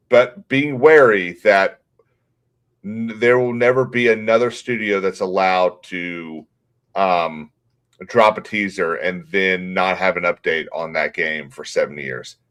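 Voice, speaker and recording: Low-voiced man, blunt and easygoing. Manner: relaxed, blunt, laughs easily. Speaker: podcast host. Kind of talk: casual gaming chat.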